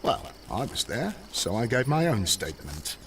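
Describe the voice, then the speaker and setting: Confident police constable, lively delivery, distant game audio. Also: male voice, on the low side, normal speed, slight background noise. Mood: official. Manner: official and matter-of-fact. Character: dutiful, self-assured London police constable.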